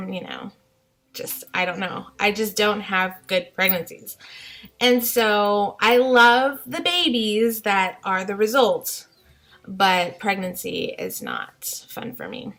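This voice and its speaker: Slow-talking chatty young mom. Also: female voice, mid-range voice, fairly bright tone. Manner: chatty and unguarded, many "like" fillers. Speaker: vlogger, mother of three. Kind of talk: casual rambling vlog rant. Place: home, somewhere with mild winters.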